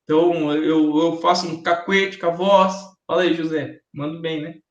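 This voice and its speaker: A man's voice: a little high, fairly even intonation, normal speed, dull audio, a crowd in the background. A man with a Brazilian Portuguese accent giving a university classroom lecture, chatty and joking with students. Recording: echoey classroom recording.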